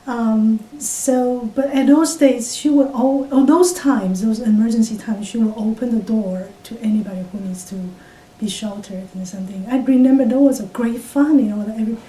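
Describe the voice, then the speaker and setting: Recorded from afar in a roomy space with a slight rumble, a woman from Taiwan in her fifties tells her life story for an oral history interview. She speaks English as a second language, with a Taiwanese accent and a warm tone, often stumbling, restarting and using fillers.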